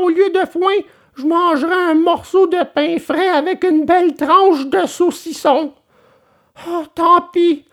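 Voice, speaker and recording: A man's voice: extremely high pitch, a bit bright, pitched above the performer's own voice, heavily acted. A man voicing a miserable donkey-boy puppet who brays and wails between his words, in a storybook reading.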